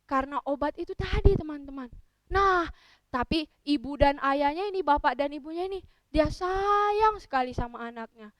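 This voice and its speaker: Animated high-voiced woman telling a Bible story. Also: moderate pace, noisy background. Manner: animated, acts out characters' voices, cries out in parts. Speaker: Sunday school teacher. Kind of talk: children's sermon storytelling.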